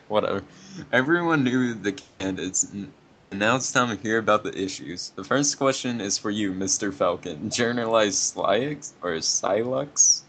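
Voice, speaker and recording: A man's voice: on the low side, normal speed, a bit bright, slight background noise, low-quality recording. A young man reading a story aloud casually, with sarcastic asides that mock the text. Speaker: co-reader of a dramatic fan fiction reading.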